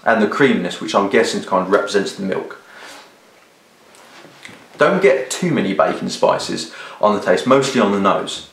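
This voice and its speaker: A man's voice: lowish voice, expressive, normal speed, pauses often, a bit bright. A British man giving a casual, rambling product review to camera, hesitating and often rephrasing as he goes. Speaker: video reviewer. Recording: roomy, echoey sound.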